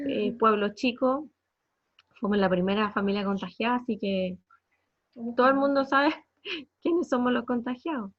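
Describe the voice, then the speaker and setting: A Chilean woman in her thirties, a parent, gives an emotional testimony about her family's ordeal in a husky, slightly breathy, fairly high voice with a Chilean Spanish accent. Her speech is halting, full of fillers, repetitions and hesitations, and her voice breaks with distress. The audio is dry and close with no echo and a dull, muffled top end.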